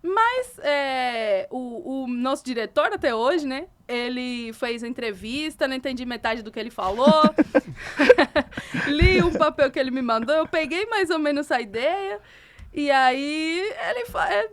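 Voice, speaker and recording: A woman's voice: high voice, measured pace. A Cuban-born woman who speaks Portuguese with a Cuban Spanish accent, Spanish being her first language, telling her story as a guest in an interview. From Cuba. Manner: animated, laughs often while telling stories.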